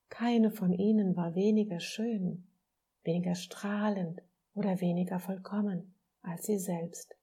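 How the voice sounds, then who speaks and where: A woman reading a gentle story aloud in a soft, hushed way. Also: mid-range voice, slightly rough. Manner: soft, slow, hushed reading with voiced characters. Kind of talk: scripted story narration.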